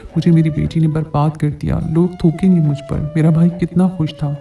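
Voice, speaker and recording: A man's voice: fairly high pitch, little pitch movement, moderate pace, gravelly, warm tone. A man voicing a devout older father who laments in a heavy tone. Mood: despairing. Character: devout older father, proud then shattered. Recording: distant mic, faint background music.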